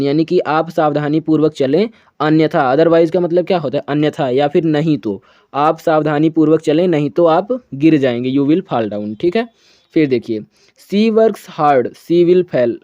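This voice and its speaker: A man teaching a grammar lesson in a mellow, slightly high voice. He keeps posing questions and answering them himself, and reads each example sentence slowly. The recording is dry and a little dull and lo-fi. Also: no echo.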